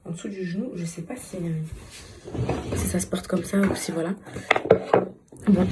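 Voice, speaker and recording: A woman's voice: medium pitch, warm tone, slight background noise. A tired young woman chatting casually to her phone camera at home, talking fondly to her viewers with lots of fillers. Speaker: vlogger.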